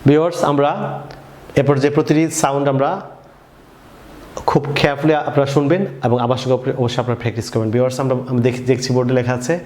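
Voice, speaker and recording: A man's voice: medium pitch, flat delivery, racing, darkish tone. A man with a Bangladeshi accent teaching English pronunciation, leading repetitive call-and-response drills for viewers. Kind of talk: classroom drill lesson. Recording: echoey room with faint noise.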